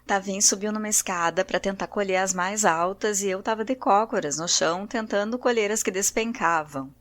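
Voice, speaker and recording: A woman hosting a literature podcast, reading a grotesque comic story aloud and voicing its characters' quotes with shifts in pitch. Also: moderate pace, a bit bright, no echo, faint music behind. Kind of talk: expressive reading of grotesque fiction.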